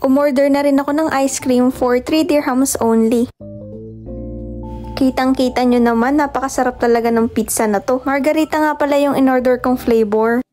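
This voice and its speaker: A woman in her twenties from the Philippines, narrating a travel vlog in a chatty, excited way, mixing in English. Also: high-pitched, moderate pace, soft background music. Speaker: travel vlogger.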